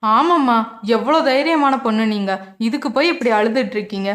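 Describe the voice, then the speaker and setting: A woman voicing a kindly older man who gently reassures a young woman. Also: on the high side, a little fast, natural voice. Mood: reassuring.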